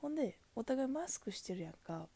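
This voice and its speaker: A woman's voice: on the high side, sing-song, fairly quick, warm tone, slightly rough. A woman with a Kansai accent, a cashier, venting in a chatty, exasperated way about customers at the register. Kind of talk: casual venting monologue.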